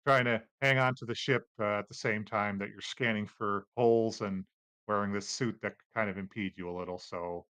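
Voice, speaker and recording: A man narrating a tabletop game as game master, relaxed and halting, with many fillers. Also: fairly low pitch, clean tone, dry recording.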